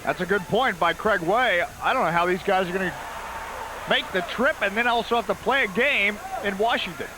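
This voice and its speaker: High-voiced male play-by-play announcer. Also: normal speed, noisy background. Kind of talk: live indoor soccer commentary. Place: live arena broadcast.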